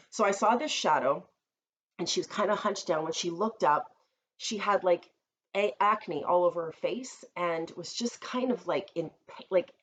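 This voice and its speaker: Woman vlogger, lowish voice, candid and reflective storytelling, slightly dull recording with faint room noise. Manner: earnest, reflective, with frequent fillers.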